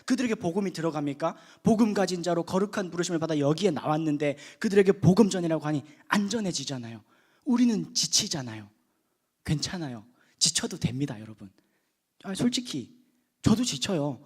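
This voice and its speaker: High-voiced man preaching conversationally. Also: animated, brisk, slightly rough. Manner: conversational, swinging from loud to hushed. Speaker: preacher at a youth worship service. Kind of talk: sermon.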